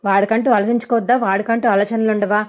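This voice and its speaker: A woman's voice: medium pitch, level tone, fast, natural voice. A woman voicing a bossy middle-aged mother who scolds her sons sharply. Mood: scolding.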